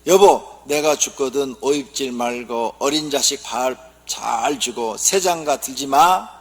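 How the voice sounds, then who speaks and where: A pastor voicing a dying female sparrow giving slow, nagging last words. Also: mid-range voice, slightly rough, long reverb tail. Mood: pleading.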